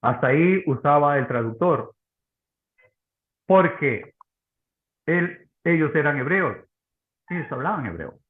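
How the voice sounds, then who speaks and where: A man's voice: fairly high pitch, lively intonation, slow, pauses often. A man preaching a conversational sermon, often asking his listeners whether they follow him. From Peru. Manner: conversational, keeps asking the audience. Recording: tinny phone-like audio.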